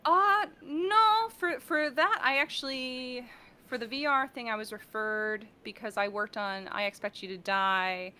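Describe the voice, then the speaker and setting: A voice actor and audio director chats casually as an interview guest about her work, playful and rambling and fond of silly coinages. Her smooth voice is a little high and a little slow, with a bright, forceful tone.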